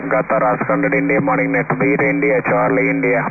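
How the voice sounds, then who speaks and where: A man's voice: mid-range voice, monotone, a little fast, vocal fry, loud music behind the voice. A man running an amateur radio net, calling for check-ins with formal, repeated call procedure, heard over a ham radio link with static. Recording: tinny radio line, loud static hiss.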